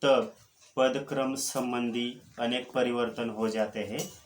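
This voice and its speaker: A male lecturer talks through his lesson at a very unhurried pace, pausing often to find his words. His voice sits at an ordinary pitch. The room is echoey, with a faint hiss behind him. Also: fairly even intonation. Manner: deliberate, pauses often with fillers. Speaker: college Hindi lecturer. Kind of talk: slow explanatory lecture.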